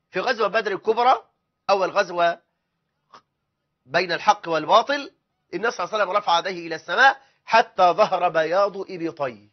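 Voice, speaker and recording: A man preaching a sermon in an Egyptian Arabic accent, impassioned and emphatic, stressing his points with oaths. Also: sits high. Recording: dull lo-fi recording.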